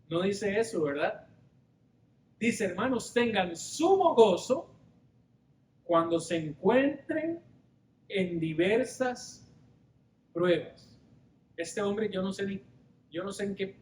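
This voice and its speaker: Slow, high-voiced preacher in a roomy hall. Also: male voice, a little mellow. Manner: asks the congregation questions; rhetorical, explaining Greek words slowly. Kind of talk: Bible study sermon. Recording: roomy hall with faint rumble.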